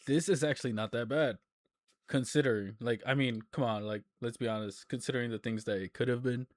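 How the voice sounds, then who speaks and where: A man's voice: mid-range voice, fairly even intonation, brisk, dry recording. A man casually reacting off the cuff in a slangy, incredulous way. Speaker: reaction video commentator.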